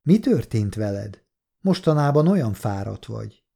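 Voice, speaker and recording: A man's voice: lowish voice, very animated, creaky, mellow, slightly rough, exaggerated voice. Brief: chatty, caring young woman colleague, read by a man, eager and a bit gossipy, storybook voice. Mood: sympathetic, chatty.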